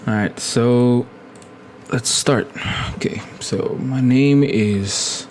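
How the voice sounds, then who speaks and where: A man's voice: mid-range voice, drawn-out words, darkish tone, slight background noise. A young man from Ethiopia chatting casually on a live stream, rambling with many fillers and restarts.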